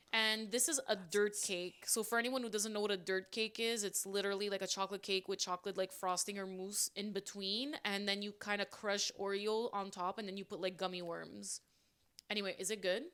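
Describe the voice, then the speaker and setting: A young woman co-hosts a casual podcast chat, talking eagerly with plenty of "like" fillers. Her voice is bright and forward, at an average pitch for a woman. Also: fairly even intonation, a little fast, smooth. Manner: chatty, enthusiastic snack talk with many "like" fillers. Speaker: podcast co-host.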